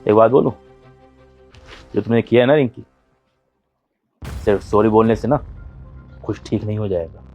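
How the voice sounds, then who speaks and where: A man's voice: on the low side, moderate pace, pauses often, a little mellow, muffled recording, soft background music, lightly acted. An actor playing a hurt husband who answers his wife firmly and coldly. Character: hurt husband ready to leave home.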